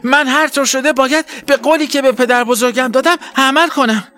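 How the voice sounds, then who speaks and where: A man's voice: extremely high pitch, pushed and bright, pitched above the performer's own voice. A man voicing a small, brave young fish who talks with determination in a children's story. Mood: determined. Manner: determined, crying out.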